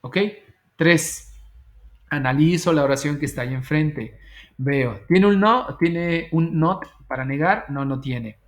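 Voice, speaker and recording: A man teaching an English grammar lesson, slowly spelling out English example sentences between his explanations. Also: fairly high pitch. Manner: slow, deliberate dictation of English example sentences.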